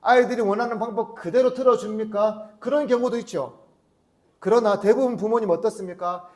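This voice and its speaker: A man's voice: high voice, fairly quick, a little mellow. A male pastor preaching a Sunday sermon, often putting rhetorical questions to the congregation and acting out short prayers and dialogue in his own voice.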